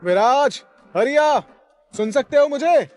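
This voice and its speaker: A man's voice: medium pitch, normal speed, close to an everyday voice. A man voicing a tense, protective young hero. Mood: shouting urgently. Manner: urgent, shouting warnings. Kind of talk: audio drama acting.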